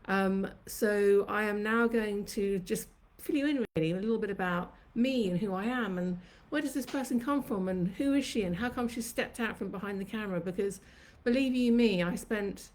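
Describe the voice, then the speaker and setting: A Sri Lankan woman in her fifties hosts her own live stream from her home kitchen, telling her life story in a chatty, reflective way and reminiscing at length. Her mid-range voice has a darkish tone and moves at a normal speed with few pauses. The audio quality is poor.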